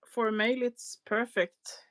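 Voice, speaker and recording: A woman co-hosting a crafting livestream, agreeable and quick to laugh. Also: a little high, steady tone, no echo. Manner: warm, agreeable, laughs often. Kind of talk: casual chat.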